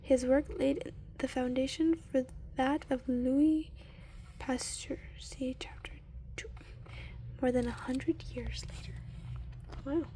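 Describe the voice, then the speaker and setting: A woman doing a soft-spoken ASMR reading from a book in a gentle, breathy voice that often sinks into a whisper, unhurried, with murmured asides. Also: sits high, fairly even intonation, a little hiss or hum.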